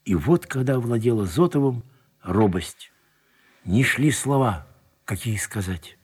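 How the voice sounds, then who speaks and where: A man narrating a literary story aloud, with an expressive and dramatic reading. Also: mid-range voice, normal speed, slightly rough.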